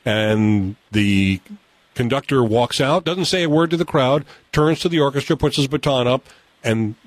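An American man hosting a radio show, telling stories and running a game in an animated, conversational way. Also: mid-range voice, no echo. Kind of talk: broadcast talk, storytelling and game hosting. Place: radio studio. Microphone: close studio mic.

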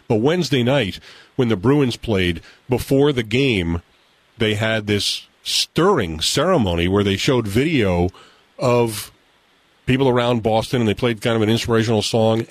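An American man hosting a radio show, telling stories and running a game in an animated, conversational way. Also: on the low side, no echo. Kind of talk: broadcast talk, storytelling and game hosting. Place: radio studio. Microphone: close studio mic.

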